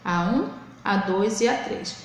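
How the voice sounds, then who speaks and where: A woman's voice: mid-range voice, slow. A woman, teaching a young class in a recorded remote lesson, patiently stretching words out syllable by syllable. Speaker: primary school teacher. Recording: very echoey room, faint noise.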